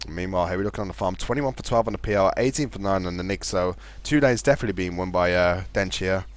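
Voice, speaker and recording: A man casting a live video game match, fast play-by-play with a fairly steady delivery. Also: low-pitched. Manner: fast, chatty play-by-play talking to co-caster; calls his own voice monotone. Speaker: esports caster.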